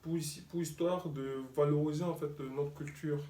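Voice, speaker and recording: A man's voice: a little high, steady tone, moderate pace, dark tone, a little hiss or hum. A young man from Mali, raised in Burkina Faso, talking casually as a guest about the clothing brand he designed, with many fillers and restarts. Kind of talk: casual interview. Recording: echoey room, faint ambience.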